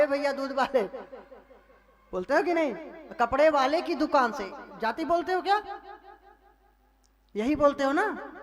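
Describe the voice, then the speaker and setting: A male storyteller giving a devotional sermon, folksy and lively, asking the audience questions as he tells a scripture story. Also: extremely high pitch.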